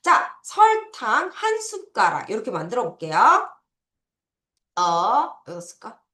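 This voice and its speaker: A woman teaches a children's vocabulary lesson with a bright, clear tone, leading slow repeat-after-me drills. Her pitch moves around a lot, and she sits slightly high for a woman. The sound carries a noticeable room echo. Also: wildly swooping pitch. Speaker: English teacher. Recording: echoey room.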